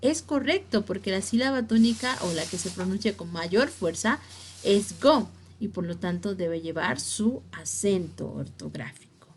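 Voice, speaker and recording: A woman teaches a spelling lesson at a slow, careful pace. Her voice sits at a middling pitch. She leans on the key words and keeps asking her class if they follow. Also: expressive, a little hiss or hum. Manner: slow, deliberate, stresses key words and checks understanding.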